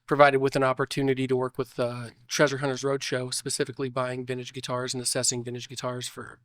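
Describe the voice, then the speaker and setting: Guy in his 30s w a stuffy sick voice, rambly podcast guest, smooth tone, dry close mic. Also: medium pitch, completely flat delivery, quick pace, fairly bright tone, no room sound. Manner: rambling, many restarts. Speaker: shop owner guest. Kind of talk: casual interview.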